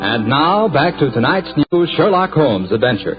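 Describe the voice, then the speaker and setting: Folksy American 1940s radio announcer. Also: male voice, fairly high pitch, very animated, normal speed, loud music behind the voice. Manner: folksy, salesy and upbeat. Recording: muffled 1940s radio broadcast.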